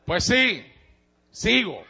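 Gravelly, bright Puerto Rican preacher. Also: male voice, high voice, very animated, drawn-out words. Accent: Puerto Rican Spanish. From Puerto Rico. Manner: emphatic and joking, bursts into shouts. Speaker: pastor. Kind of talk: sermon. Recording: dull lo-fi sermon recording.

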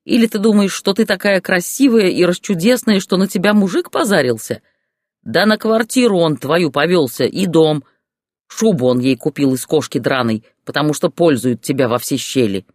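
A man voicing a furious, jealous ex-husband in an audiobook story, shouting in a rage. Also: a little high, moderate pace, no echo, clean studio sound, voice pushed up, lightly acted. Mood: screaming. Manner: shouting, raging rant.

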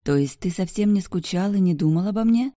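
A woman's voice: mid-range voice, animated, brisk, warm tone, no echo, clean studio sound, voice pushed up, lightly acted. A reader voicing a petulant young woman who argues and pleads with her former lover in an audiobook. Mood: indignant. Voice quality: pleading, whiny. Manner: indignant, demanding. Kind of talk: audiobook dialogue.

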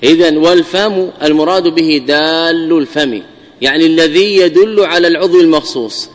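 A man's voice: fairly high pitch, in a large hall. A man giving a classical grammar lesson, often repeating key words and answering his own questions. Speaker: Islamic scholar teaching Arabic grammar.

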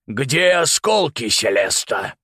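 A man's voice: medium pitch, sing-song, slow pace, fairly bright tone, no echo, clean studio sound, full character voice. A man voicing a ruthless older grandfather, lord of birds, with a menacing, sneering manner. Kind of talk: audiobook character voice.

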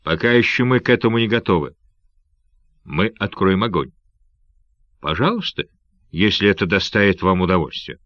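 A man's voice: sits low, animated, normal speed, pauses often, dry recording. A fearless pirate captain, cool-headed and scornful, barking orders in a raised, ringing voice, as a male storyteller puts him on. The sound is dry and slightly dull, like a lo-fi recording. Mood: mocking. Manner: loud shouting commands.

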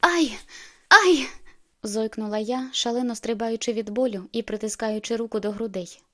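A woman reading a novel aloud as first-person narrator, expressive and lively in the heroine's outbursts. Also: a little high, fairly quick. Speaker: audiobook narrator.

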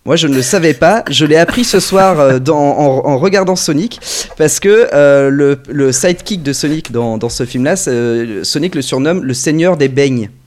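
A man's voice: a little high, animated, normal speed. A man from France, a podcast co-host reviewing a fan dub in casual, rambling talk that keeps correcting itself. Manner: rambling, self-correcting, conversational. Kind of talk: casual group podcast chat.

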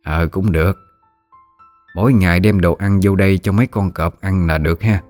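A man's voice: deep voice, steady tone, normal speed, darkish tone, soft background music, close to an everyday voice. A man voicing a commanding older woman of the forest who speaks in a hearty, teasing way.

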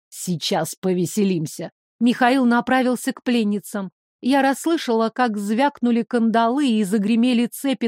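A woman narrating a first-person fantasy novel in a steady, expressive storytelling voice. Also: fairly high pitch, no echo, studio quality. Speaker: audiobook narrator.

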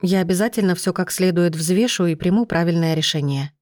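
An earnest young pregnant woman weighing her choices, as a woman narrator reads her. The voice is low-set and dry, recorded close with no room echo. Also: brisk, a little mellow, lightly acted. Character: pregnant young woman, worried but resolute.

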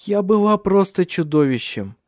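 A man's voice: sits high, very animated, moderate pace, a little mellow, no room sound, clean studio sound, voice pushed up. A man doing a frail, tearful young noblewoman. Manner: faint, breathy, pleading. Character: young noblewoman, injured and grieving, fragile.

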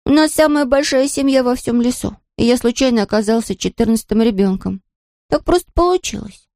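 A proud, easily offended young fox cub in a storybook, speaking a little above the reader's normal voice with a gruff, grumbling edge, as a woman plays him. The sound is dry and close. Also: a little high, brisk, darkish tone, dry recording, voice pushed up, close to an everyday voice.

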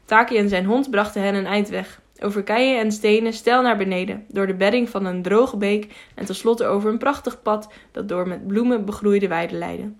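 A woman's voice: medium pitch, normal speed, few pauses. Woman narrating a storybook. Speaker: audiobook narrator. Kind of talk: scripted narration.

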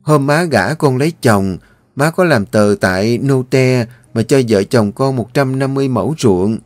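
A man reading the part of a gentle, devoted young daughter addressing her father. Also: mid-range voice, normal speed, no echo, faint music behind, lightly acted. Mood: tender.

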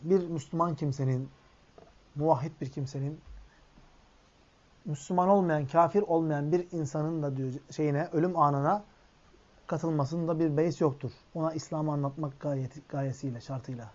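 In this sermon, a male Islamic preacher with a slightly high voice recites passages in Arabic, then explains each line, calling the listeners his friends. His delivery is a little mellow, at a normal pace with fairly even intonation, captured on a dull, lo-fi recording.

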